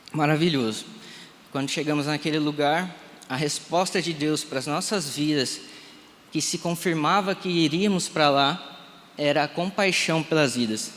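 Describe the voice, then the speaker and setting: A man's voice: a little high, a bit bright. A man in his thirties from Brazil, a pastor giving an emotional testimony in a live church service, acting out the conversations he retells. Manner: emotional storytelling, re-enacting dialogue. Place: church sanctuary. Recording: reverberant hall, faint room noise.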